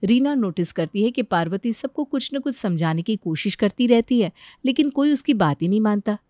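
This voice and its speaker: Woman narrator, calm storybook read, dry close sound. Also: medium pitch, normal speed, no echo. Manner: even, storytelling delivery.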